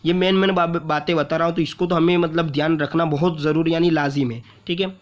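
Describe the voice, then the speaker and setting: A man teaches recitation at an unhurried pace, pausing on single syllables and stretching the long vowels so they are easy to follow. His voice sits a little high. The recording is dull and lo-fi. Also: fairly even intonation. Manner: patient, repeats syllables and drags out long vowels while demonstrating. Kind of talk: explaining tajweed rules step by step. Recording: muffled lo-fi audio.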